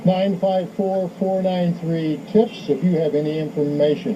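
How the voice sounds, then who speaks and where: A man's voice: sits high, steady tone, normal speed. A man delivering a formal, scripted television news report. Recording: dull, noisy old broadcast audio.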